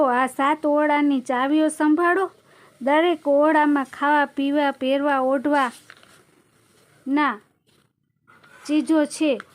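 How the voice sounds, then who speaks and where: A firm older mother-in-law reassures and lays down household rules, as a woman narrator puts her on. The voice stays high and steady, instructing in a storybook telling.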